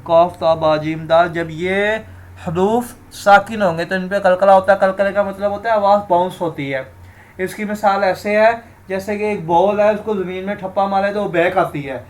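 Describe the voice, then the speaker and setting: A man teaching Quran recitation rules, explaining each rule and then slowly sounding out words to demonstrate, often turning to his viewers as friends. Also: high voice, fairly even intonation. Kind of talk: tajweed lesson, explaining and demonstrating.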